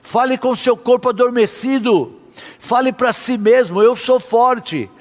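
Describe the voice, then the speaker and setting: High-voiced man preaching in an echoing hall. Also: a little slow. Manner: impassioned preaching, sometimes half-singing his phrases. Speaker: pastor. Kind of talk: sermon. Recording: long hall reverb.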